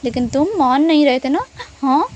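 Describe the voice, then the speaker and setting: A woman's voice: high voice, normal speed, darkish tone, close to an everyday voice. A woman doing a shy, pleading young man.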